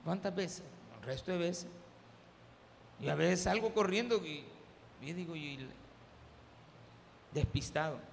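A man's voice: on the high side, animated, measured pace, creaky, pauses often. A male pastor with a Salvadoran Spanish accent, preaching a sermon full of humorous personal stories and calling the congregation "hermano". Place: church service. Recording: church hall with long reverb, faint background noise.

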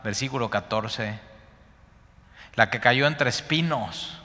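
A man with a Mexican accent preaching a sermon on a Bible passage, repeating words for emphasis and swinging between loud and hushed. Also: mid-range voice, slow pace. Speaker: Bible teacher. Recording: long hall reverb.

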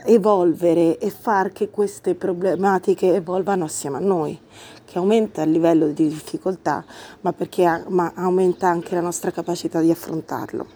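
A woman hosts a podcast and talks through the ideas in a book. She sounds earnest and reflective and thinks aloud as she goes. Her voice sits a little low, with a warm, mellow tone. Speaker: podcast host. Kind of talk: explanatory monologue about a book.

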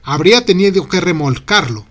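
A gruff young sailor barking commands in a high, strained voice, words crackling with rough impatience, as a husky-voiced man acts him out. He calls from the deck of a storybook boat, curt and forceful. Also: expressive, normal speed. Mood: relieved, explaining. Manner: shouts orders, curses.

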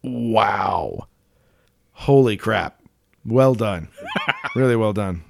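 A man's voice: on the low side, expressive, extremely slow, vocal fry, slight background noise. A man co-hosting a podcast in casual comedic chat, joking and laughing often, with frequent restarts. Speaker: podcast co-host.

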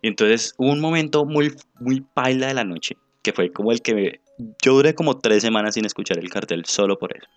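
A man with a Colombian accent, co-hosting a podcast and telling a ghost story in animated, slangy chat, acting out the people he quotes. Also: mid-range voice, fairly quick, no room sound. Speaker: podcast co-host. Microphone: remote call mic.

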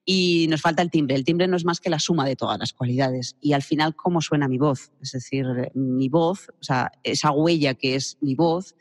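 A man explaining how to use the voice, as a speaking coach in a radio interview, demonstrating pace and pitch changes as he talks. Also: no echo, clean studio sound, big-room sound.

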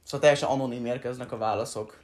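A man's voice: mid-range voice, fairly even intonation, darkish tone. Young male co-host, playful rhyming banter, echoey room sound. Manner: joking, quick rhyming banter. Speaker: co-host of an internet radio show. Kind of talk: casual chat, improvised rhymes.

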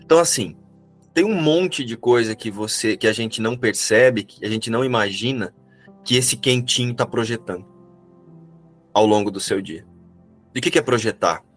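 Calm man teaching, asking rhetorical questions. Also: mid-range voice, moderate pace, soft background music. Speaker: spiritual teacher. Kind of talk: explanatory spiritual teaching.

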